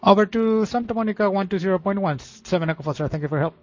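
A male pilot makes radio calls in a high voice. He talks fast with slightly hesitant, informal phrasing. The cockpit radio sounds muffled. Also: a little mellow. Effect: aviation radio transmission. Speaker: private light-aircraft pilot.

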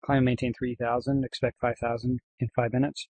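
A man speaking as a pilot, reading back clearances and making calls in aviation phraseology. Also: medium pitch, flat delivery, fairly quick, darkish tone, dry recording, poor audio. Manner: frequent throat clearing. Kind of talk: aviation radio readbacks.

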